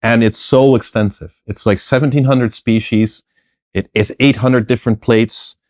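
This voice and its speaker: This is a middle-aged male guest, a plant philosopher, explaining at length in a conversational interview, pausing to think, restarting often, filling gaps, and laughing softly. His medium-pitched voice is steady and a little mellow at a normal speed. The studio-quality recording is dry.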